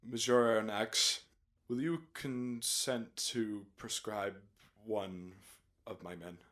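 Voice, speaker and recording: Guy doing brooding sub captain, radio drama, low voice, takes his time, terse and commanding. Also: fairly bright tone. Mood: grave, restrained. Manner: slow, measured, formal address. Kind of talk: radio play acting.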